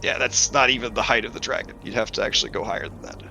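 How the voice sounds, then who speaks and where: A man's voice: mid-range voice, fairly even intonation, rapid-fire, gravelly, bright, forceful tone, a little hiss or hum. A man narrating a tabletop game as game master in a casual, informal and joking manner.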